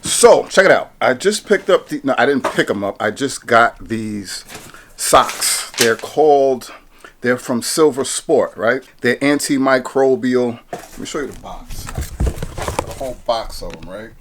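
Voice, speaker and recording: A man's voice: medium pitch, lively intonation, measured pace, background noise. A man in a casual product review vlog, chatty and hyped, restarting his sentences with lots of ums. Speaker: fitness vlogger reviewing gear.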